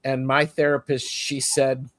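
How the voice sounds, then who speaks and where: A man's voice: mid-range voice, monotone, a little slow, dry recording. A man hosting a heartfelt spiritual conversation, sharing personal stories with earnest feeling. His voice is dry and close, with little room sound. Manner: earnest, storytelling, emotional at times. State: emotional. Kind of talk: casual spiritual discussion.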